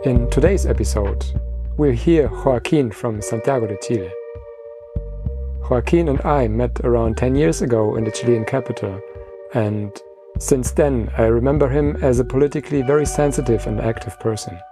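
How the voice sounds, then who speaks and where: A man's voice: medium pitch, normal speed. Male podcast host, formal scripted delivery, music bed behind. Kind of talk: scripted podcast intro and interview questions.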